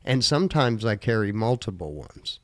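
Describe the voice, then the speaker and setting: A man's voice: fairly low pitch, sing-song, normal speed, no room sound, studio quality. A man with a slight Southern twang, hosting a casual podcast chat and reading quiz questions aloud in a laid-back way that includes casual swearing. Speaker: podcast co-host.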